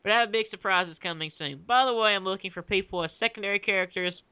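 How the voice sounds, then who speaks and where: A young man reads a fan fiction aloud in an over-the-top dramatic style, cracking himself up along the way. His voice is bright and smooth. The sound is dry and close. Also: high voice, quick pace, dry recording, highs cut off. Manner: giggly, jokey, hammy dramatic delivery. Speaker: fanfic reader and uploader. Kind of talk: mock-dramatic comedic reading.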